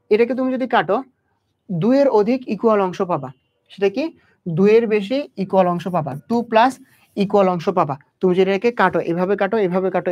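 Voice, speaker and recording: Heard through dull lo-fi audio, a young man with a high voice and darkish tone leads an exam-prep biology lesson. He talks straight to the student, repeatedly asking questions and answering them on his own.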